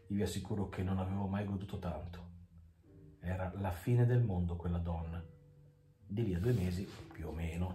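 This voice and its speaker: Low mellow guy reading a story out, roomy echo, quiet music under it. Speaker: audiobook reader. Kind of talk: scripted narration. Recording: echoey room with faint music.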